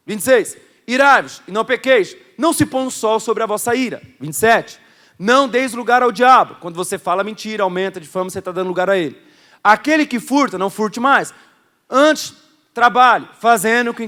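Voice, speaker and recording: A man preaching a sermon to a church congregation, swinging between loud emphatic bursts and quiet, close asides. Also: high-pitched. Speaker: pastor. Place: church hall before a congregation.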